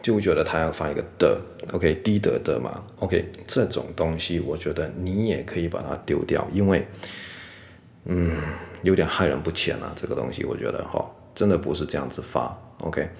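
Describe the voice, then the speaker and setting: A man teaching English pronunciation in a casual video lesson, dropping "OK" all the time, slowing down to demonstrate and repeat sounds. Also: extremely low pitch, animated, creaky, darkish tone. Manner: sprinkles "OK" and English asides constantly. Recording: echoey room.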